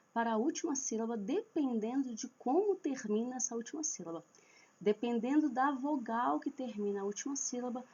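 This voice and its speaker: A woman teaching a Portuguese grammar lesson online, explaining slowly and patiently with some hesitations and restarts. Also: a little high, mellow, lo-fi sound.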